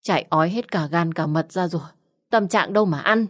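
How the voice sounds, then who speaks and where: A woman voices a timid young man of about twenty-something who whines, scares easily, and constantly complains and exclaims. Her voice sits on the low side, a little fast and a bit bright.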